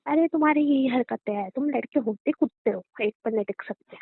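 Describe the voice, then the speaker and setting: A young woman with a high voice and some vocal fry speaks fairly quickly, casually bantering as a girlfriend on a call, sassy, curt and mocking. The dry audio has no room sound and a tinny, narrow phone-line character.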